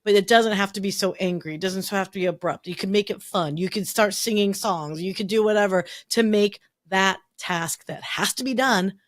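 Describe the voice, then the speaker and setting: A woman's voice: mid-range voice, moderate pace, hardly any pauses. A middle-aged woman co-hosting a podcast, telling stories in a chatty way with frequent restarts. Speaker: podcast co-host. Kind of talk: casual chat.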